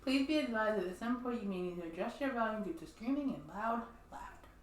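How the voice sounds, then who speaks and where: A woman co-hosting a casual podcast chat, blunt and animated. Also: on the high side, fast talker, slight background noise. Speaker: podcast co-host. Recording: echoey room, distant mic.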